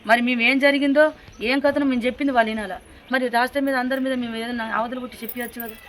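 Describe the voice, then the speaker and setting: A distraught woman with a Telangana Telugu accent talks quickly, pleading and repeating her demands for justice. Her grief sits under every sentence. Faint background noise runs beneath her voice. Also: high-pitched, steady tone, a bit bright. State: grieving, distraught. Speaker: grieving mother of a murdered daughter. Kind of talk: emotional interview testimony.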